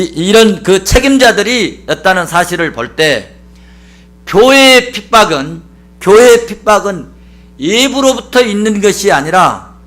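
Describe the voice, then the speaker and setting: Animated high-pitched preaching pastor. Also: male voice. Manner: emphatic preaching with rhetorical questions and repetition. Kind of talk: sermon.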